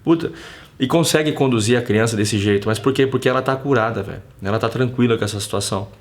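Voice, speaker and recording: A man with a Brazilian accent hosts a casual live stream from his home, his voice sitting at an ordinary middle pitch. He talks in an animated, slangy way and often acts out bits of dialogue as he tells a story. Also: quick pace.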